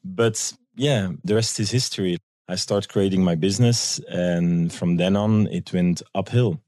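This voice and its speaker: As an interview guest, this tour guide and business owner from Belgium shares anecdotes conversationally in a Belgian accent, performing quoted dialogue. He is low-pitched, mellow and unhurried, with no room sound.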